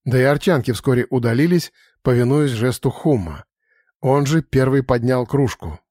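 A man narrating a first-person fantasy audiobook in a steady, conversational storytelling manner. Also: mid-range voice, normal speed, dry recording, clean studio sound.

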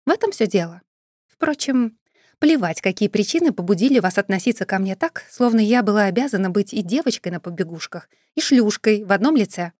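A woman's voice: medium pitch, animated, a little fast, darkish tone, dry recording, studio quality, close to an everyday voice. A woman reading an audiobook voices a cool-headed young businesswoman who speaks curtly and indignantly. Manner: curt and indignant, raised voice.

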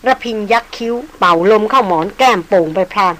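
A woman narrating a novel as an audiobook in a steady, measured way. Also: mid-range voice, rough recording. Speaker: audiobook reader.

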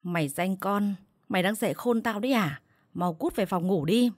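Gruff hot-tempered old father-in-law, as a woman reads him. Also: mid-range voice, expressive, normal speed, dry recording, clean studio sound, close to an everyday voice. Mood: scolding. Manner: coarse, scolding.

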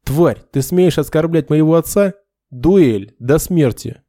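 A man's voice: a little high, slow, mellow, no echo, studio quality, voice pushed up. A man voicing an arrogant, hot-headed young noble lieutenant who talks with haughty scorn. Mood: furious. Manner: hissing, haughty.

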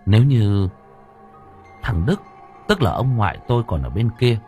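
A man reading a story aloud with dramatic, lively narration. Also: fairly low pitch, measured pace. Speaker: audiobook narrator. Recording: faint background music.

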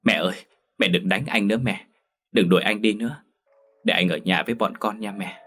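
A man's voice: fairly low pitch, steady tone, a little fast, a bit bright. A man voicing a whimpering little sister. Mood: pleading. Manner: whimpering, pleading. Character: young girl pleading for her brother.

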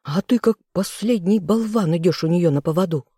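An audiobook reader voicing a furious, spiteful noblewoman, the king's sister, who scolds in sharp outbursts. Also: husky, dry recording, clean studio sound, close to an everyday voice. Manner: shrill, scolding, quick outbursts. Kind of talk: audiobook role reading.

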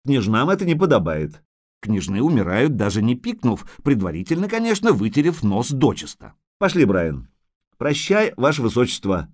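A man voicing a gruff, sardonic male monster hunter who talks brusquely and mockingly. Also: mid-range voice, huge pitch swings, normal speed, darkish tone.

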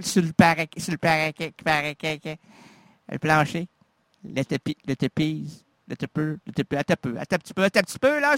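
A Québécois radio host with a notably high voice spins a playful, absurd monologue, stumbling over words and restarting as he goes. The studio sound is dry and close, with no room around him. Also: sharp tone, no room sound. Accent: Québécois French. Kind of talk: rambling comic radio monologue.

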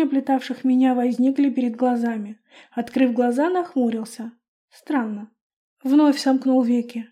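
A woman calmly narrating a first-person audiobook. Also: sits high.

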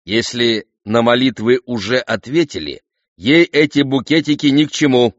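A man voicing an arrogant, reckless king who shouts orders in a domineering way, in an audiobook. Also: medium pitch, moderate pace, no echo, highs cut off, natural voice. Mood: commanding. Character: arrogant, reckless male king, loud and bossy.

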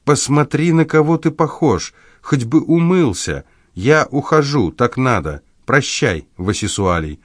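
A man's voice: mid-range voice, big pitch swings, measured pace, few pauses, no room sound, clean studio sound, pitched above the performer's own voice. A man voicing a cold, impatient wife in an audiobook, speaking in a curt, dismissive way. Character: cold, impatient wife leaving her husband.

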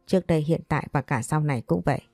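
Woman reader as a curt, weary young man in a storybook; low, mellow, faint music behind. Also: rapid-fire, no echo.

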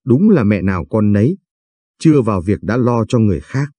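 A man voicing a gentle older mother in an audio story, speaking in a soft, soothing way with a dark, husky voice. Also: on the low side, sing-song, fairly quick, no room sound. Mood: reassuring.

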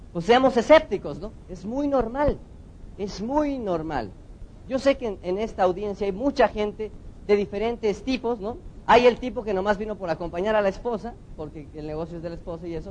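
A man talks to a live audience in a loose, joking way, often asking them to agree. His voice is high for a man. A faint low rumble runs behind him. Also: a little mellow, rough recording. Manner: conversational, jokey, asks the audience for agreement. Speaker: motivational speaker. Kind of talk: motivational talk to a live audience.

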